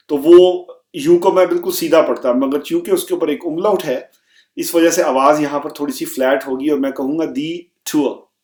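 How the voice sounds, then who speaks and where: A man teaching vocabulary, saying each word slowly and repeating it so learners can echo him. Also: on the high side, darkish tone. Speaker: German teacher. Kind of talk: vocabulary lesson. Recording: echoey room.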